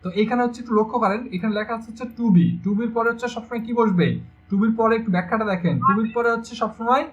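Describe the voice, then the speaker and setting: Young male teacher, high voice, patient step-by-step explainer for an exam-prep class. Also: steady tone, quick pace, muffled recording. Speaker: English teacher. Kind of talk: online exam-prep lecture.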